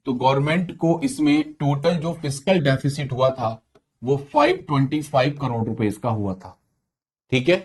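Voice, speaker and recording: A man's voice: mid-range voice, sing-song, moderate pace, breathy edge. A man giving an exam-prep lecture, often repeating key points and quizzing his students while mixing English terms into Hindi. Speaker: teacher.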